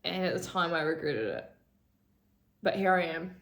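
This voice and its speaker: A woman's voice: on the low side, lively intonation, moderate pace, fairly bright tone. Candid young woman on a phone, echoey. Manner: raw, emotional, swears often. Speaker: vlogger. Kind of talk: candid confessional vlog. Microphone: phone camera.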